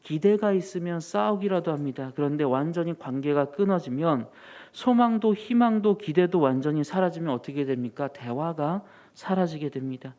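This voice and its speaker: A man preaching a sermon as a pastor, earnest and building to emphatic rises in pitch, in a church sanctuary. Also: lively intonation, normal speed, mellow.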